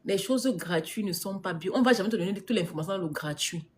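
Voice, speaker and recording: A woman's voice: medium pitch, quick pace. A woman business coach talking casually on a live stream, answering viewers' comments. She drives her points home by repeating them, often laughs, and drops English words into her speech. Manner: emphatic and repetitive, laughs often.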